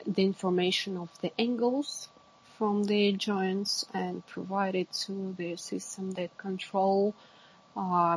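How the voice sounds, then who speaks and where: A woman giving interview answers about technical work, haltingly searching for words in English. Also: mid-range voice, a little hiss or hum, low-quality recording. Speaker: interviewee, exoskeleton company representative.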